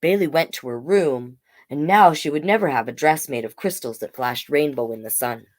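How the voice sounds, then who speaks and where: Reading a children's book with plenty of expression, a storytime host and drag king performer adds small asides to draw in the young audience. She speaks in a low register at a moderate pace.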